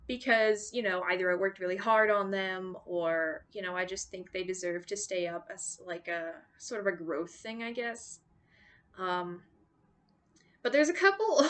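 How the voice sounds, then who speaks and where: A young woman making a casual vlog to her viewers, rambling and apologetic with lots of ums and likes. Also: a little high. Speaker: YouTuber making song covers.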